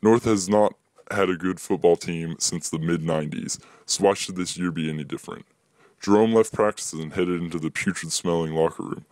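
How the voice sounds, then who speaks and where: A man's voice: moderate pace, darkish tone, no echo. A young man reading his own short story aloud, lifting his voice for the dialogue. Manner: plain reading, voices dialogue with higher pitch.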